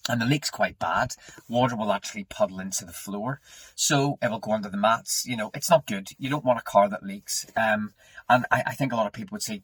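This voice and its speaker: British guy in his 40s, lowish voice bit husky, casual grumbly rambling vlog chat. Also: a bit bright, no room sound. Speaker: car owner making a review video. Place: echoey indoor space.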